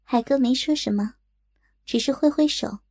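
A woman narrating a first-person audiobook story in a smooth, confiding way. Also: high voice, moderate pace, mellow.

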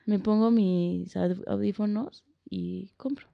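A woman's voice: mid-range voice, fairly even intonation, slow, vocal fry, lo-fi sound. A young Mexican woman co-hosting a casual podcast chat in a playful, joking manner. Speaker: podcast co-host.

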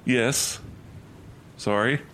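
A man's voice: medium pitch, fairly even intonation, drawn-out words, fairly bright tone, slight background noise. A man playing in a tabletop game, speaking in character with dry, polite humor. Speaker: player. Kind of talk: casual tabletop role-play.

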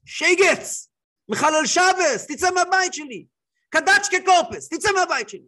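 A man voicing a stern, fiercely strict old rabbi who shouts heatedly. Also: very high voice, animated, pitched above the performer's own voice, heavily acted. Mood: furious.

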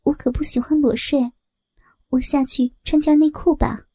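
A woman voicing a gentle, yearning young wife in a soft, breathy voice for a spoken story. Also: sits high, steady tone, normal speed, slight background noise, natural voice.

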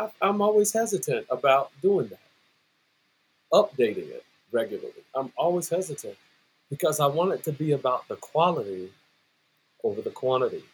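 Husky man telling an animated story. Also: mid-range voice, rough recording. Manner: animated, acts out his own past dialogue. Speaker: vocal coach. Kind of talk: personal storytelling in an interview.

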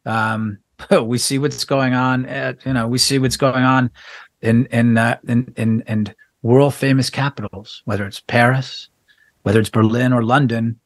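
A man's voice: medium pitch, steady tone, a little slow, no echo. Stammering American man, dry close sound. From United States. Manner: stammering restarts, frequent laughs. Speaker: guest journalist. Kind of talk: casual interview talk.

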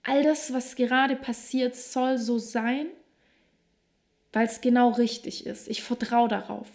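A woman hosting a self-help podcast, talking straight to the listener in a reflective monologue, slow and emphatic in places. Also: fairly high pitch, little pitch movement, a little mellow. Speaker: podcast host.

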